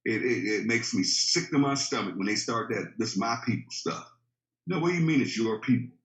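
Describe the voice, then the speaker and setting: A man's voice: fairly low pitch, lively intonation, normal speed, a bit bright. A man in his fifties giving a motivational sales-training talk, emphatic and preachy, firing off rhetorical questions. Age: 50s. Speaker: network marketing trainer. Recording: roomy, slightly dull recording.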